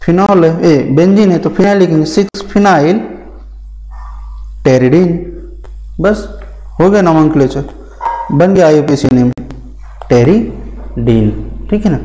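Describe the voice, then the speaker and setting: A man teaches a pharmacy lesson in a mellow, darker voice pitched a touch above the usual. He works through the material step by step, repeats key terms and answers his own questions, calling the students "beta". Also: a little slow, long pauses, rough recording. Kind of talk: whiteboard lecture.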